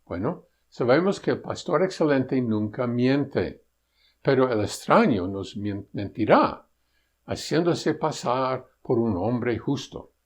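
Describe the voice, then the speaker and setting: A man giving critical Bible commentary, answering a broadcast point by point in a measured, pointed way and citing scripture. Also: mid-range voice, lively intonation, a little mellow.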